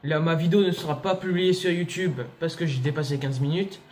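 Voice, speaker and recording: A young man giving excitable let's play commentary, yelping and laughing at enemies. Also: fairly high pitch, fairly quick, a little hiss or hum. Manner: excitable, shouts and yelps at enemies, laughs often. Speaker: gaming youtuber.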